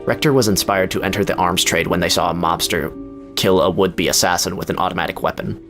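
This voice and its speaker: A man's voice: deep voice, fast, fairly bright tone, faint music behind. A man giving casual let's-play commentary, chatty and giggly, reading game text aloud. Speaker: gaming YouTuber.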